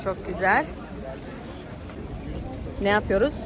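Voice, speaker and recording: A woman's voice: medium pitch, expressive, slow pace, a loud crowd. A woman vlogger chatting casually as she shows what she finds while out and about. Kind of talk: casual vlog chat. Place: outdoor market and open-air seating. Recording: very noisy busy outdoor street.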